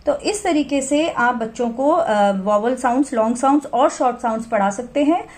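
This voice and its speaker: A woman teaching a phonics lesson in Hindi mixed with English, spelling each word out letter by letter and then saying it slowly. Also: sits high.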